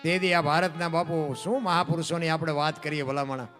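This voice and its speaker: A man's voice: on the high side, brisk, faint music behind. A man telling a devotional folk story, swinging his voice up and down from line to line. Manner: animated, rises and falls sharply between lines. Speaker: dayro storyteller.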